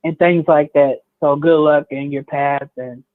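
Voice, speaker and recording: A woman's voice: deep voice, steady tone, a little slow, no echo. A woman from Kentucky chatting casually and politely as a radio caller, a little hesitant. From Kentucky, United States. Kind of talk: casual radio call-in chat. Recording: dull, band-limited call.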